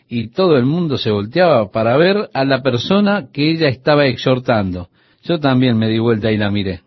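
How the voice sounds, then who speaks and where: Husky lively-voiced male radio preacher. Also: mid-range voice, no echo. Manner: earnest, addresses the listener directly. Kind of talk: radio sermon. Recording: dull, lo-fi dry recording.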